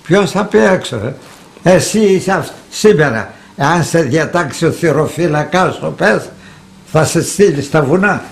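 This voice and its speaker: Older male monk, husky, gravelly voice, speaks in slow, emphatic pronouncements. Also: a little high, expressive. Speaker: elderly monk being interviewed. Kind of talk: conversational interview.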